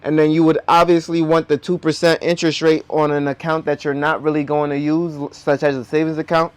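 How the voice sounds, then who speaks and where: Guy with braces on, kinda high voice, explaining stuff to viewers, close dry sound. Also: little pitch movement, brisk, clean tone, dry recording. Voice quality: speaking with dental braces, slightly impeded articulation. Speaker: host of a personal finance video.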